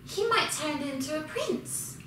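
A woman's voice: high voice, animated, unhurried, a bit bright. A woman doing a fussy storybook princess. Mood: disdainful. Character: fussy disdainful young princess. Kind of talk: children's storybook read-aloud. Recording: very echoey room, distant mic, faint hiss.

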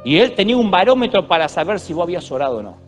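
Lively Argentine man preaching with humor. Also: sits high, very fast, soft background music. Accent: Argentine Spanish. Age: 30s. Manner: storytelling, digressive, jokey. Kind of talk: humorous sermon.

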